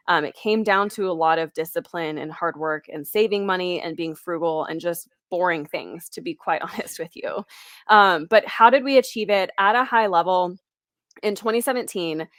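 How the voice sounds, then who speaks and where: Candid and reflective, a woman in her late twenties talks as a guest in an interview, with the occasional light laugh. She has a lowish voice, and the studio sound is clean with no echo.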